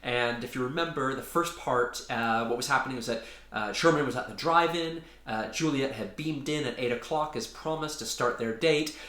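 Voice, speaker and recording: A man, the author and storyteller of a children's story, reads it aloud informally in a mid-range, bright, forceful voice at a moderate pace. He opens with a casual introduction before an animated reading, and the sound has a roomy echo.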